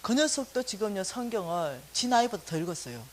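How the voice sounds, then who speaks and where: A middle-aged woman with a Gyeongsang accent, lecturing to a congregation in a lively storytelling style, acting out the dialogue. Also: medium pitch, brisk, a little hiss or hum. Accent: Gyeongsang Korean. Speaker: church lecturer.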